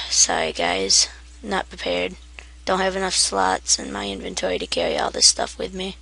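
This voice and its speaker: A woman's voice: on the low side, sing-song, normal speed, gravelly, bright, forceful tone, slightly rough. A woman giving a casual, rambling game tutorial, half asleep and self-deprecating, with keyboard typing behind her. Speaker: gaming tutorial maker.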